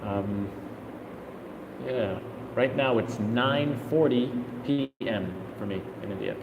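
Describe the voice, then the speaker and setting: A man's voice: mid-range voice, slow, reverberant, in a large hall, phone-quality sound, background noise. A man in his thirties, a travel vlogger, casually answering viewer questions on a live stream, rambling and thinking aloud. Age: 30s.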